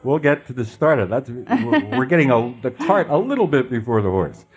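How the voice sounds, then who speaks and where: A man's voice: mid-range voice, normal speed. A man hosting a radio program about theater, reading scripted anecdotes with playful emphasis and then interviewing a guest. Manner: lively, storytelling delivery with playful emphasis. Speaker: radio show host.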